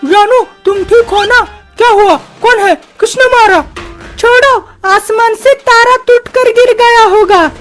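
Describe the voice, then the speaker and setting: A woman's voice: very high-pitched, unhurried, fairly bright tone, soft background music, voice pushed up. A woman voicing a sweet young bride in a cartoon comedy, fussing over her groom.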